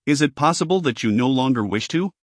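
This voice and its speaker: A man's voice: medium pitch, animated, fast talker, no echo, studio quality, lightly acted. A man voicing an earnest, restrained young nobleman in a storybook.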